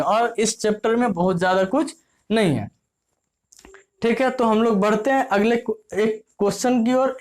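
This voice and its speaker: A woman's voice: a little high, darkish tone. A woman teacher explaining a lesson, often asking and answering her own questions. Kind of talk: casual classroom explanation.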